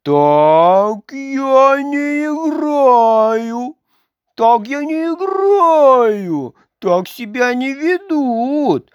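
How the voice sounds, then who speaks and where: A woman voicing a boastful, childish little man who shouts and sulks in a read-aloud story. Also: mid-range voice, no room sound, clean studio sound, voice pushed up. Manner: shouting, sulky, demanding.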